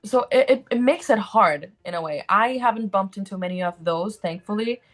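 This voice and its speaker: Soft music plays behind a young Brazilian actor in her twenties as she chats casually as an interview guest. She speaks at medium pitch and normal speed with a Brazilian accent, often saying "um" and "like."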